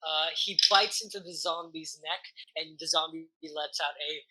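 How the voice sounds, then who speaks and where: A woman game master improvising tabletop narration, feeling out the story haltingly as she goes. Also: low-pitched, very animated, creaky, bright, forceful tone, slight background noise, low-quality recording.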